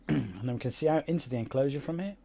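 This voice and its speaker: A man's voice: medium pitch, fast, gravelly, warm tone. A man giving casual, rambling commentary over his own gameplay, with many fillers and restarts. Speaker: game YouTuber.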